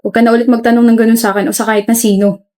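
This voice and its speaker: A woman's voice: a little high, little pitch movement, very fast, a little mellow, natural voice. A woman playing a blunt, reserved college guy. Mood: calm. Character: reserved young male college student, blunt. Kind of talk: skit role-play.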